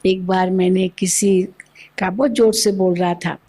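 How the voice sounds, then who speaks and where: Slow-spoken woman giving spiritual talk. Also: medium pitch, fairly even intonation, dark tone. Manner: slow, patient, explaining with everyday examples. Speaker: spiritual teacher. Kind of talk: spiritual discourse. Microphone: microphone.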